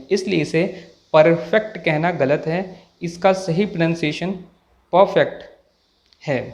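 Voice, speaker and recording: A man teaching English pronunciation in Hindi, explaining rules patiently and repeating example words slowly for contrast. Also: a little high, highs cut off. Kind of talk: slow, deliberate explanatory lesson.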